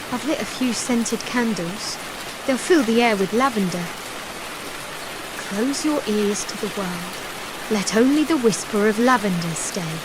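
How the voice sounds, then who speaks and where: A woman playing a tender, doting partner in a soft ASMR role-play, speaking in a soothing, intimate, hypnotic manner. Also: a little high, noisy background. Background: rain.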